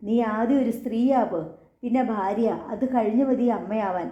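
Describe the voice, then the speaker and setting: A woman's voice: a little high, moderate pace, natural voice. A woman voicing a stern young husband and father who speaks curtly and lectures. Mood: scolding. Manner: curt, lecturing. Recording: echoey, slightly dull recording.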